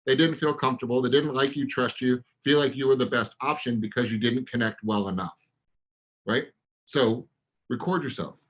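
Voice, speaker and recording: A man co-hosting a real estate coaching podcast, pressing listeners with punchy, rapid-fire rhetorical questions. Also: medium pitch, breathy edge, low-quality recording.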